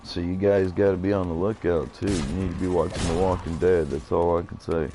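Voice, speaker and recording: A man in his thirties talks through a live game stream with a deep, low voice. His chat is loose and rambling, drifting between the game and stories for his viewers. A clear layer of background noise sits under the recording. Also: steady tone, a little fast. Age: 30s. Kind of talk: casual live gameplay commentary.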